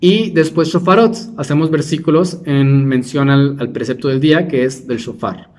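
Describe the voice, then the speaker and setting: A man's voice: fairly high pitch, moderate pace, a little mellow. A man giving an informal Torah class, talking conversationally and putting questions to his listeners. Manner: conversational, asks the class questions, many restarts. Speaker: Torah teacher.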